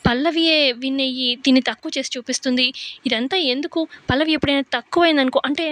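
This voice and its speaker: A woman's voice: high voice, fairly bright tone, no echo. Woman voicing a scheming fretful mother. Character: scheming anxious middle-aged mother.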